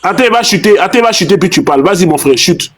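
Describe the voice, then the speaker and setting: A man on a live-stream panel cuts in with quick, teasing remarks. His voice sits high and has a husky edge. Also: expressive.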